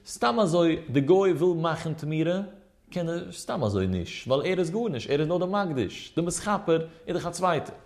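A man's voice: fairly high pitch, lively intonation, moderate pace, darkish tone. A man teaching a Talmud lesson in a sing-song study chant, asking questions and answering them himself as he explains step by step. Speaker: religious teacher.

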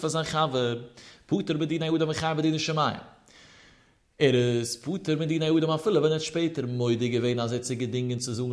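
A man teaching a religious study lesson, explaining texts in a sing-song cadence that rises and falls widely. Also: on the high side. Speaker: Talmud teacher.

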